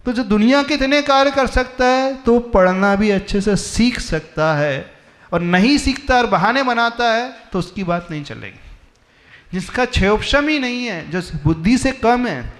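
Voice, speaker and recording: A man's voice: very high voice, expressive, measured pace, a bit bright. A man, a monk, giving a sermon and teaching with emphatic rhetorical questions. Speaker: Jain monk preacher.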